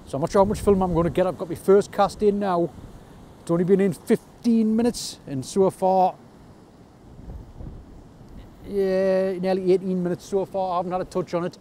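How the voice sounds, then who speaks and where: On a windy night shore, an angler vlogger from North East England speaks at a moderate pace in a warm, steady voice that sits high. His casual fishing narration is chatty, understated and self-deprecating, with wind and rain around the rocks. Outdoor camera audio with faint wind noise.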